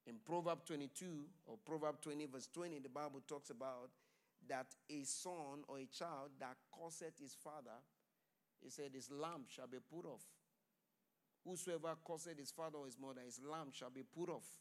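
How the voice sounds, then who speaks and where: A man preaching a sermon in a pleading, call-and-response way, pausing for the congregation to answer. His voice sits slightly higher than most men's. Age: adult. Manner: loud declaring blessings.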